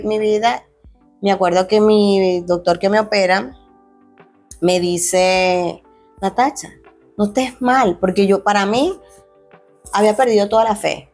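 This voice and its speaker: A young adult woman with a medium-pitched, slightly mellow voice, once an athlete and now a fitness coach, earnestly shares her life story in an interview. She frequently restarts phrases and acts out quoted dialogue as she tells this emotional personal tale.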